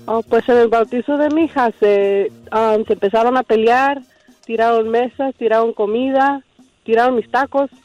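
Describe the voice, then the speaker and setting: A woman's voice: fairly high pitch, steady tone, normal speed, darkish tone, no room sound, faint music behind. Woman caller on a dull line. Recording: dull dry phone line.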